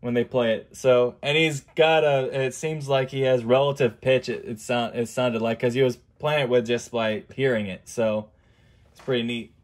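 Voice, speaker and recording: Rambling, halting young man streamer. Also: mid-range voice, steady tone. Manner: rambling, halting, lots of fillers. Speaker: streamer host. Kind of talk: casual chat on a live stream. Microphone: video chat computer mic.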